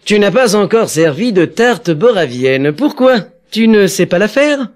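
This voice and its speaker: A man's voice: high-pitched, moderate pace, voice pushed up, natural voice. A man voicing a stern, irritable duke in a children's story, speaking in a scolding tone.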